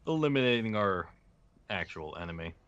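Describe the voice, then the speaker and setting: Man doing Krax, a low, slow villain with theatrical menace. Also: lively intonation, a bit bright, lo-fi sound. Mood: calculating menace. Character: Krax, male alien schemer, cold theatrical villain. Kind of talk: tabletop role-play acting.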